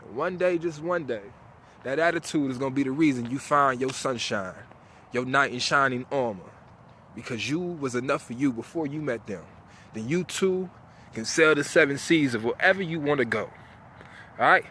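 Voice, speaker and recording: Bright, emphatic male motivational speaker. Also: medium pitch, normal speed, slight background noise. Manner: emphatic, repeats phrases for effect; informal, colloquial, direct address. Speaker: motivational speaker, live stream host. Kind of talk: motivational speech to camera.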